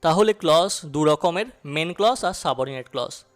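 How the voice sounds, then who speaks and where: A man teaching an English grammar lesson, speaking slowly and repeating key points for his students. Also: on the high side, expressive, soft background music. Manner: addresses students directly, asks them questions.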